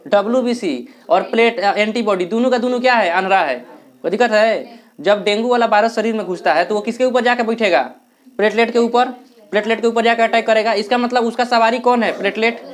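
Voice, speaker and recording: A man's voice: high-pitched, a little fast. A male teacher giving a classroom lecture, asking questions and answering them himself, with regional dialect words in his Hindi.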